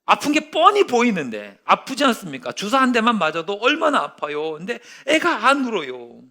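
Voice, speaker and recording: Bright-voiced male preacher. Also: sits high, wildly swooping pitch, moderate pace. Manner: storytelling with acted-out quotes, swinging from hushed to loud. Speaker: pastor. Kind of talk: sermon.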